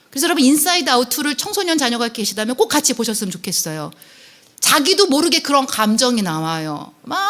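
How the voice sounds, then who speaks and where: A woman, a family counselor, giving a church seminar lecture in an animated way, acting out quotes and tossing in questioning tags. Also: high voice. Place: church service.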